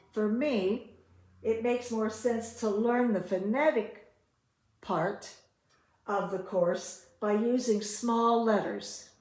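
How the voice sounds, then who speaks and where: A woman teaches in an informal, conversational way, often checking in with the learner. Her pitch is a little high and her pace is very unhurried. It sounds like a reverberant room. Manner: chatty, checks in with tag questions. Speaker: teacher leading a phonetics lesson. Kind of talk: informal step-by-step lesson. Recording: echoey room.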